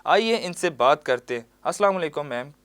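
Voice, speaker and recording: एक पुरुष host studio interview चलाते हुए, जो औपचारिक ढंग से अभिवादन करता है और मेहमान से सवाल पूछता है।. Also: male voice, on the high side, lively intonation, a little fast, fairly bright tone. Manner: formal greeting, short affirmations. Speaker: news show host. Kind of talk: studio interview hosting. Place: news studio.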